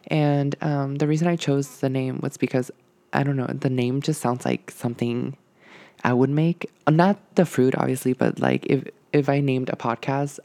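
A young adult podcast host from Puerto Rico, whose first language is Spanish, rambles through a casual solo monologue, hesitant and full of ums and likes. His gravelly voice is medium in pitch with a dark tone, and the recording is dry.

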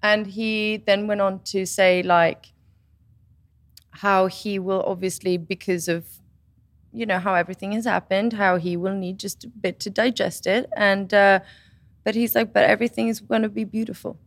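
A woman in her twenties shares a personal story in casual chat, acting out what other people said, and her voice swings high and loud whenever she gets excited. She talks at a moderate pace, and the sound is close and dry.

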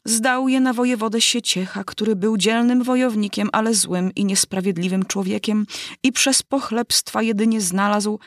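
A woman putting on a high fussy lecturing mouse. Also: fairly even intonation, dry recording, clean studio sound, natural voice. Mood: prim. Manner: prim, lecturing, quickly irritated. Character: fussy self-important mouse lecturing a crowd.

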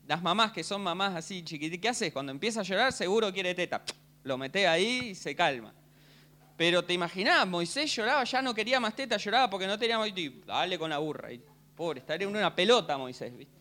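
A man with an Argentine accent preaching a sermon, telling the story in a jokey, animated way and often checking in with his congregation. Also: sits high, fast talker. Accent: Argentine Spanish. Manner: animated, jokey, keeps asking the crowd "¿sí?".

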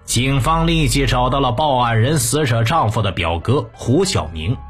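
A man's voice: medium pitch, animated, moderate pace, husky. A man reading scripted true crime narration in a storytelling delivery, as a narrator of criminal cases. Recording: music bed under the voice. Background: background music.

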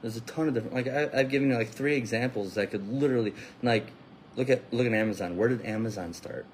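A man's voice: medium pitch, fast, slight background noise, poor audio. A man in his thirties co-hosting a casual podcast chat, emphatic and motivational, repeating phrases for stress. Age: 30s. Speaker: podcast co-host.

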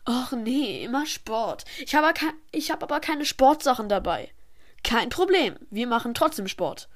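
A woman's voice: a little high, lively intonation, a little slow. A woman playing a jokey, bossy male substitute teacher in a homemade story. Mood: breezy.

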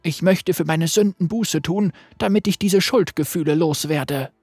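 A husky-voiced narrator playing a frightened young male pupil who pleads anxiously. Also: medium pitch, moderate pace, a little mellow, no room sound, studio quality, soft background music. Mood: ashamed. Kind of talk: read-aloud storytelling.

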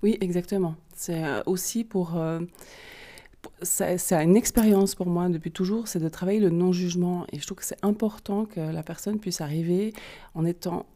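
A woman's voice: lowish voice, fairly even intonation, normal speed, mellow. Hesitant Swiss woman, Vaud accent. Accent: Vaud Swiss French. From Switzerland. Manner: hesitant, searching for words. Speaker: holistic therapist guest. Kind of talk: podcast interview.

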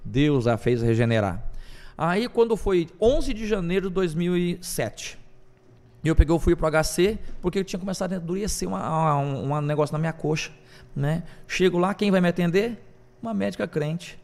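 A man, a pastor, telling his life testimony in a podcast interview, animated, acting out the voices of others as he talks. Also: high voice, moderate pace, vocal fry. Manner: animated storyteller, quotes God and others in lively bursts.

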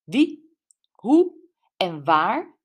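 A woman's voice: mid-range voice, very slow, slightly rough, full character voice. Brenda, a woman doing an eager amateur sleuth. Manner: excited, questioning. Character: eager nosy middle-aged woman sleuth.

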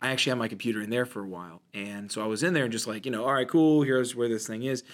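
A man co-hosting a podcast in casual comedic chat, telling stories in an animated, joking way and mimicking inner thoughts. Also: medium pitch, racing. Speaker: podcast co-host. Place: indoors, in a church.

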